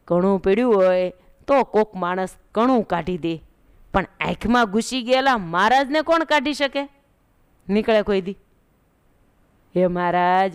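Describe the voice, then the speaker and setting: A woman's voice: mid-range voice, clean tone. Woman telling a devotional story. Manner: animated storytelling, acting out characters' cries. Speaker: religious storyteller.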